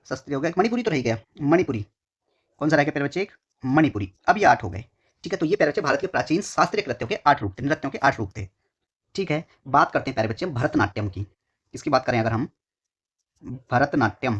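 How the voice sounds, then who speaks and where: A man teaching an exam-prep lesson, repeating each term slowly as he writes it out and often calling his students dear children. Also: fairly high pitch, slightly rough, dull audio. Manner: repetitive, dictating slowly while writing; addresses students fondly and often. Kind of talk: whiteboard lesson.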